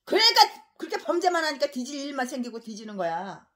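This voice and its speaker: A woman pastor giving an expository sermon in a fiery, scolding manner, swinging between shouting and low muttering. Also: very animated, fast.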